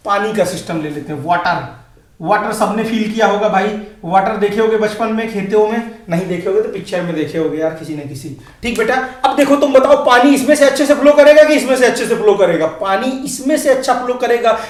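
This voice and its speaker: A male physics teacher giving a casual classroom lecture, asking questions and answering them himself. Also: sits high. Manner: chatty, calls students beta, asks and answers his own questions. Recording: echoey room, voice from a distance.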